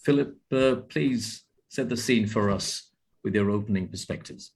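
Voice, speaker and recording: A man with a low, somewhat husky voice moderates an online panel. He introduces guests in a polite, formal manner. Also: moderate pace. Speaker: event moderator.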